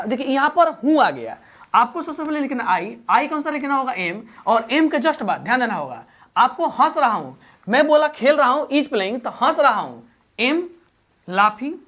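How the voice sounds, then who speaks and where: A woman teaching English grammar in Hindi. She repeats each example slowly and quizzes the learners as she goes. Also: fairly high pitch, sing-song, a bit bright. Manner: addresses learners fondly as "babu". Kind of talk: Hindi-medium classroom grammar lesson.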